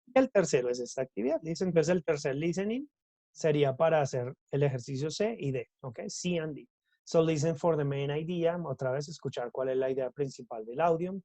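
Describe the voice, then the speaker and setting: A man's voice: a little high, animated, fairly quick, mellow, no echo. Man teaching English, dry sound. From Colombia. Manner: switches between Spanish and English, checks in with repeated "listo?". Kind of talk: recorded class explanation.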